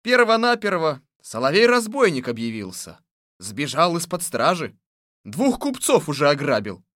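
An actor playing a calm young man who reports news from inside a magic mirror. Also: a little high, normal speed, no room sound, studio quality.

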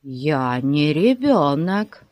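A reader voicing a fat, smug boy who drags out his words slowly. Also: medium pitch, big pitch swings, a little mellow, no echo, voice pushed down. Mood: drawling. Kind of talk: audiobook character voice.

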